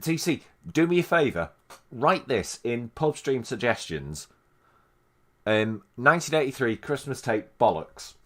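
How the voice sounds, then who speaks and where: A man with a Manchester accent, hosting a casual live stream and reacting to old tapes with laughter, swearing and quick asides to his chat. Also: mid-range voice, sing-song. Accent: Mancunian. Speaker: streamer host.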